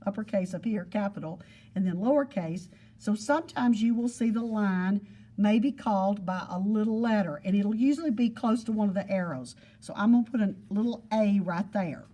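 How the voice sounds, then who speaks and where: This is a geometry lesson given by a woman to her class, where she patiently repeats ideas using examples from daily life. She speaks at a moderate pace in a mid-range voice with a dark tone, with students present in the classroom.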